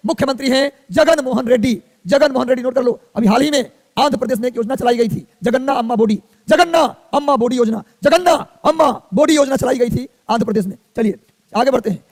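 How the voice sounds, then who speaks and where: Delivering an energetic lecture for an exam coaching class, a man fires off facts quickly, repeating them over and over in sing-song lists. His very high voice trails off into a long reverb tail.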